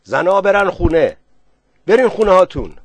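A man's voice: fairly high pitch, no echo, voice pushed up, lightly acted. A man voicing a worried middle-aged villager who presses others with anxious questions. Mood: shouting orders.

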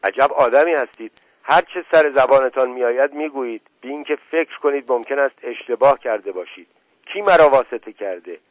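A man's voice: mid-range voice, no room sound, close to an everyday voice, rough recording. A man voicing a proud, hot-tempered young man who protests and defends himself. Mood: indignant. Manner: indignant, protesting.

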